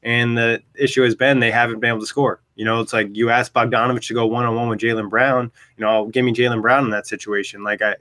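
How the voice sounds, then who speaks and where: A man in a casual sports chat, talking in an animated way as he argues his points. He playfully scolds now and then. His voice is mid-range and even. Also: mid-range voice. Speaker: co-host.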